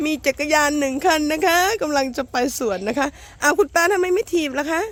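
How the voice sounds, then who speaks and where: A woman's voice: high-pitched, a little fast, fairly bright tone. A woman hosting a homemade comic skit outdoors, narrating in a playful, mock-earnest documentary manner with polite sentence endings. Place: outdoors in a rural garden. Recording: noisy outdoor amateur recording.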